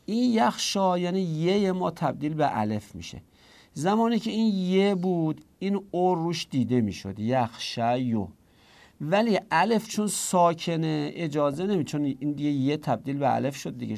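A man whose first language is Persian teaches grammar step by step, his gravelly, creaky voice at medium pitch with a darkish tone. Like a patient teacher, he poses questions and then answers them himself.

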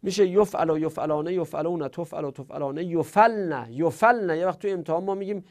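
A middle-aged man teaching Arabic grammar in a classroom lesson, drilling verb conjugations and trailing off quietly at the ends of lines. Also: fairly high pitch.

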